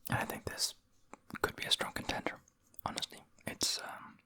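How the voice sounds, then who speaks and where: A person whispering an ASMR food review in a breathy, unvoiced voice, savoring and unhurried, close to the microphone. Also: pushed and bright. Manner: savoring, unhurried, with eating and mouth sounds. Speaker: ASMR video creator and host.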